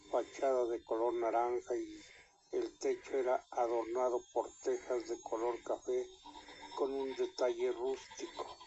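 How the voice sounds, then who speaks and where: Mexican guy telling a spooky story, low-key dark voice, pretty monotone, kinda dull lo-fi sound. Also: a little hiss or hum. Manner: unhurried, with small restarts mid-sentence.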